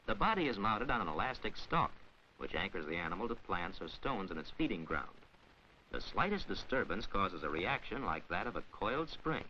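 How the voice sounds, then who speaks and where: A deep-voiced man gives formal, scripted narration in the careful, instructional style of a mid-century educational science film. His tone is bright and forceful, his enunciation precise, and the sound is the dull, hissy soundtrack of a 1940s film.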